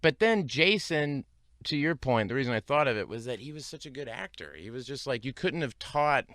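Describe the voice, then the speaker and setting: A man guesting on a podcast, telling an animated anecdote about his days as a production assistant and often breaking into laughter. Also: medium pitch, a little fast, no echo, studio quality. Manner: animated storyteller, bursts into laughter.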